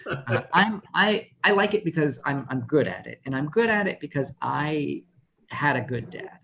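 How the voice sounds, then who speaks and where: A man in his thirties performing a rambling, deadpan stand-up comedy set over a video call, chuckling at his own jokes. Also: a little high, moderate pace, gravelly, a little hiss or hum. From Texas. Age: 30s.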